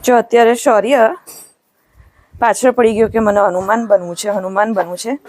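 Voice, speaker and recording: A Gujarati woman chatting casually in a vlog, often calling to her child and her cows in a high, coaxing sing-song voice, outdoors on a farm. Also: fairly even intonation, moderate pace, a little mellow, no room sound. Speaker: vlogger and mother.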